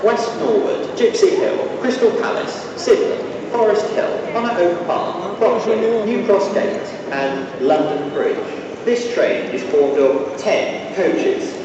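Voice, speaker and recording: A man making train station announcements over loudspeakers, listing stops in a measured, sing-song way. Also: high voice, highs cut off. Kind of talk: automated platform announcements. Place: large railway station concourse. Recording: echoey station hall from far off, loud train noise. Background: trains and station bustle.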